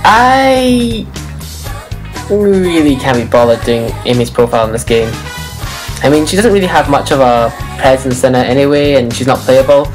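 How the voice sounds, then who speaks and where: Her voice is extremely low and darkish, a bit fast, and the recording quality is low. This woman does let's play commentary with faint game music behind her, rambling chattily and fixing her own words as she goes.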